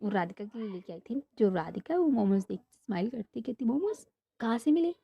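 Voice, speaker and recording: A woman's voice: mid-range voice, expressive, fairly quick, vocal fry, breathy edge, no room sound. A young woman telling a romantic story in a casual, chatty way, mixing in English words. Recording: dull lo-fi dry sound.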